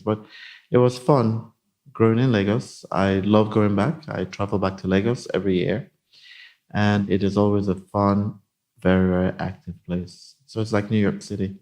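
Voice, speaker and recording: A man in his fifties from Nigeria, a company executive answering interview questions in a measured, explanatory way. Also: lowish voice, darkish tone. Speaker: guest, company CIO. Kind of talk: casual interview.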